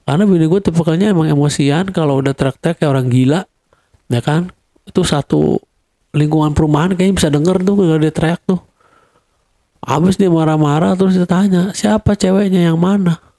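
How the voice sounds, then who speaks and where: A young man with a Jakarta accent telling a personal story in a casual, animated way. He acts out quarrels in a raised voice. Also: fairly high pitch, brisk, long pauses, no room sound.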